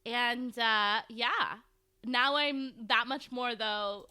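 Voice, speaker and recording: A woman co-hosting a podcast in casual, slangy banter, with a halting, giggly way of talking. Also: on the high side, fairly even intonation, sharp tone, clear, resonant tone. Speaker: podcast co-host.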